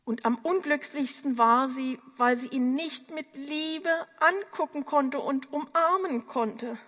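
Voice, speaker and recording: A woman telling a personal story from her practice in an earnest, unhurried way, acting out the voices of the people in it. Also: sits high, a bit bright. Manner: slow, earnest, quotes others' voices. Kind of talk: storytelling talk. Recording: long hall reverb.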